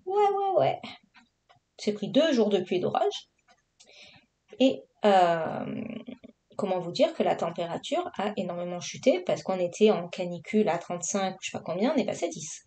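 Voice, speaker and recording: A woman's voice: fairly low pitch, lively intonation, normal speed, dark tone. A woman from Marseille, chatting casually and rambling in her vlog with lots of fillers. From Marseille, southern France. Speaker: coloring vlogger. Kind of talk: casual chat.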